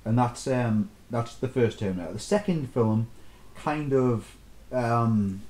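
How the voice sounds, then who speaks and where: A man's voice: mid-range voice, expressive, measured pace, darkish tone, low-quality recording. A man, tipsy on beer, chatting casually and crudely as co-host of a film review, informal and often seeking agreement.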